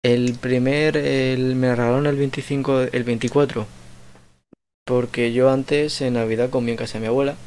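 A man's voice: medium pitch, level tone, moderate pace, a little mellow. A young man, chatting casually as a podcast co-host and telling a long, rambling story full of fillers. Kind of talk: casual chat.

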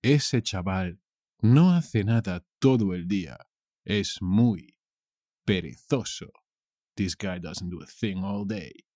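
A young man gives a playful, joking vocabulary lesson. His voice sits fairly low, and he talks slowly, drawing out each word he teaches. The sound is dry and close, with no room echo. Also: dark tone. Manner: playful, jokey, slow and drawn-out on key words. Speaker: Spanish teacher.

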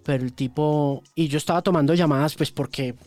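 A radio host from Colombia, telling stories in an interview, animated and full of repeated words and restarts. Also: male voice, on the high side, a little fast, no echo. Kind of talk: storytelling in an interview.

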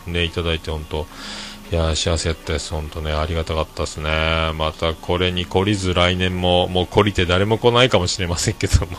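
A man with a hoarse voice, hosting his own show and chatting casually to listeners with many fillers and chuckles. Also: deep voice, fairly bright tone. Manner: rambling, many fillers, laughs at own jokes. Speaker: podcast host. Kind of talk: casual solo chat to listeners.

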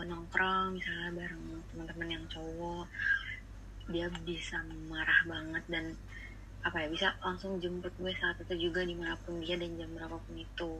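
A young woman telling a personal story casually and hesitantly over a phone call, mixing in English phrases. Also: lowish voice. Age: young adult. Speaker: podcast guest on a phone call. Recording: phone call with clear background noise.

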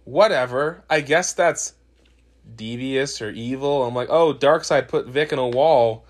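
A man co-hosting a casual podcast, sarcastically recapping a movie and mocking its characters in quick quoted asides. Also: mid-range voice. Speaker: podcast co-host. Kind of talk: casual chat.

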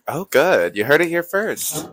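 Lively, bright-voiced man hosting. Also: fairly high pitch, unhurried, husky. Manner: playful, echoes guests' answers. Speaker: podcast host and interviewer. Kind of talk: casual vlog interviews with drag performers.

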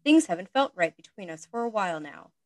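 A woman's voice: mid-range voice, very animated, fairly quick, darkish tone, lightly acted. A woman reading the lines of a young man casually dumping his girlfriend, without changing her voice. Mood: dismissive. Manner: reads the role in her own plain voice. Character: young man, a breezy, dismissive boyfriend. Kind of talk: podcast fan-fiction reading.

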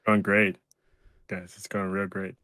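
Man, podcast guest, low voice, emphatic, excitable, dry sound. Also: unhurried, dry recording. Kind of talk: casual podcast chat.

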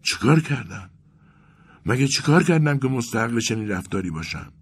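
A man's voice: low voice, very animated, a little mellow, slightly rough, pitched above the performer's own voice, heavily acted. A man voicing a frail, anxious young clerk who is breaking down, speaking in a pleading, tremulous way. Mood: bewildered.

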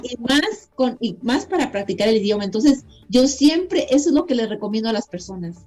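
Mellow-voiced Mexican woman, encouraging guest. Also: a little high, sing-song, fairly quick, faint music behind. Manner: earnest, proud, encouraging, speaks frankly. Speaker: guest author. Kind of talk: casual radio interview.

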